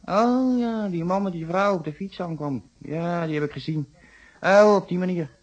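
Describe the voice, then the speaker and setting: In a radio detective play, an actor with a high male voice portrays a working-class husband who is cagey, grumbling, and brusque. He speaks colloquial, defensive Netherlands Dutch at normal speed, and the recording sounds muffled.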